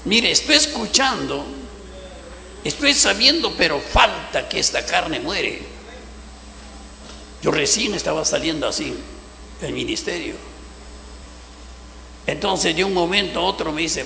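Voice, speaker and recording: A gravelly-voiced pastor delivering a fervent sermon, his tone bright and cutting. He drops soft, then bursts out loud. The sound rings through a big church hall with a long reverb. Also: on the high side. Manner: fervent preaching, swings between soft and loud.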